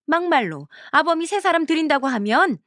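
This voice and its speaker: A woman's voice: high-pitched, big pitch swings, fairly quick, fairly bright tone, no echo, clean studio sound, voice pushed up. Woman doing a scornful, berating mother-in-law. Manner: contemptuous, berating. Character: harsh scolding middle-aged mother-in-law. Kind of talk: storybook cartoon voice acting.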